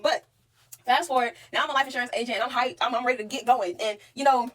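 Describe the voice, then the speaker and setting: Female, higher-pitched, animated and informal. Motivational storyteller to camera, heavy emphasis and slang, phone recording in a closet. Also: fast talker. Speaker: vlogger and aspiring motivational speaker. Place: small closet, indoors.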